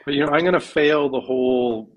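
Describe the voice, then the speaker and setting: A man's voice: fairly high pitch, a little fast, poor audio. A man on a casual podcast panel, making wry remarks and laughing a lot. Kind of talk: casual group chat.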